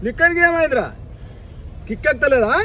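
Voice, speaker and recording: A consoling village friend, played by a man with a very high voice and a Telangana Telugu accent. He soothes and questions gently in a comedy sketch, with faint noise behind him. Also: lively intonation, fast, full character voice.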